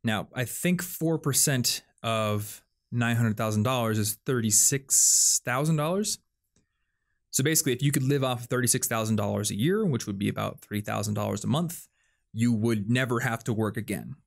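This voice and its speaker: Gravelly and mid-range, this young podcast host speaks at a moderate pace. His casual chat is full of explanations peppered with "like" and "um."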